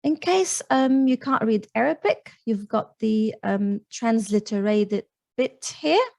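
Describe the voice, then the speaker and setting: A woman teaching Lebanese Arabic in an online lesson, patiently explaining step by step and pausing with fillers. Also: a little high, expressive, gravelly, a little mellow, no room sound.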